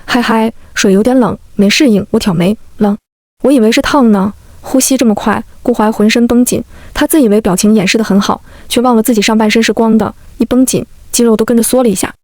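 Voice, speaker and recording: A young woman narrates a first-person love story aloud, and she voices every character without changing her own voice. Her voice sits a little high for a woman. It is recorded close and dry, with no room around it. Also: a little fast, darkish tone, no echo. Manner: plays every character in the same light voice.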